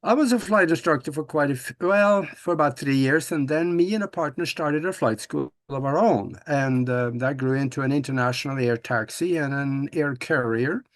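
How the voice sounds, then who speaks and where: A man's voice: a little high, moderate pace, few pauses, dry recording. An older man from Norway, a guest in a casual interview, talking in a folksy, upbeat way with many restarts and "uh"s.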